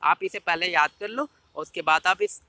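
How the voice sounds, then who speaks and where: A man's voice: high-pitched, moderate pace, sharp tone. A man tutoring exam students in a casual explainer style, repeating points and addressing the viewer directly.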